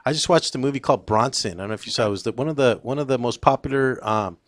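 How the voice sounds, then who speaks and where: A man's voice: medium pitch, very fast, no room sound, clean studio sound. A man hosting a casual radio talk show, chatty and joking with his guests. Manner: joking, chatty, laughs easily. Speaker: radio host.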